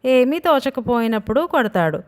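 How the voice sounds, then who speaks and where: A woman's voice: fairly high pitch, big pitch swings, moderate pace. A woman voicing a cheeky schoolboy son in his father's body, who talks back defiantly and taunts.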